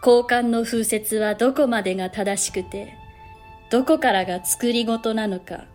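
A woman's voice: a little high, moderate pace, a little mellow, soft background music, lightly acted. A woman playing a dignified samurai mother, narrating a period drama in a formal, reflective manner. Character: dignified samurai mother recounting her sons' history.

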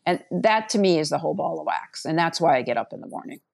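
A woman's voice: low voice, lively intonation, fast talker, gravelly, a little mellow. A woman giving earnest, plainspoken interview answers as a podcast guest. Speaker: podcast guest, healthcare business executive.

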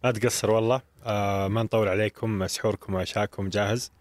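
Host, enthusiastic and very fast-talking, dry close sound. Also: male voice, lowish voice, steady tone, dry recording. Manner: enthusiastic, rapid, repeats words for emphasis. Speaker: interviewer host. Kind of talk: casual interview talk.

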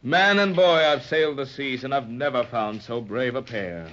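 A man's voice: medium pitch, normal speed, fairly bright tone, natural voice. Guy playing brave hearty sea captain, bossy nautical talk, old radio serial, bit dull sounding. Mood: warm, grateful. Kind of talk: old-time radio adventure serial acting.

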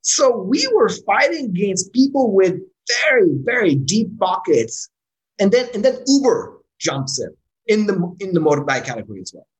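Over poor audio, a Pakistani startup founder fields interview questions in a relaxed way, in a mid-range voice at moderate pace. He keeps tagging on "right?" and restarts words when he gets excited.

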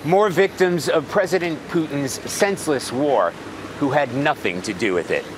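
A man's voice: a little high, normal speed, background noise. A man reporting on a war as a foreign correspondent, reading a scripted news piece.

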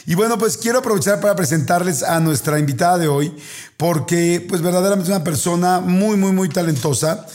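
A man hosting a casual podcast, his voice a touch higher than most men's. He greets his listeners in a cheerful, sing-song manner and introduces guests with easy enthusiasm. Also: fairly quick, a little mellow. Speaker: podcast host. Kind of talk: casual chat.

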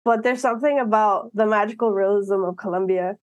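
A woman in her thirties from Miami, talking as a guest in a casual interview, earnest and animated, often restarting her sentences. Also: medium pitch, fairly quick, dry recording, muffled recording. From Miami, United States.

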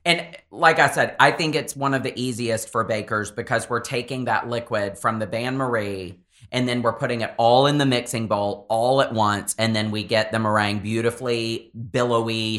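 A man's voice: mid-range voice, fairly even intonation, moderate pace, a bit bright. A man with a Southern US accent hosting a baking podcast in an enthusiastic, chatty way. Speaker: podcast host. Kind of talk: casual podcast chat.

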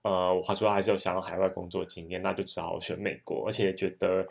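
A young man from Taiwan chats as an interview guest in a deep, low voice. He talks quickly, padding his answers with fillers and repeated agreements. The tone is relaxed and conversational. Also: creaky. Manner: repeats "对，对，对" often, with many fillers. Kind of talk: casual interview chat.

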